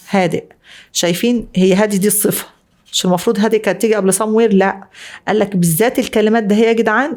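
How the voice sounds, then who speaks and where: A woman's voice: mid-range voice, darkish tone. A young woman with an Egyptian Arabic accent giving a chatty exam review lesson on English grammar, often checking that her students follow along. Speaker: English teacher.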